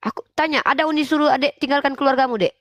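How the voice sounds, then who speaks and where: A woman hosting a religious debate livestream, scolding and preaching in a forceful way. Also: high-pitched, very fast, no echo. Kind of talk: livestream talk.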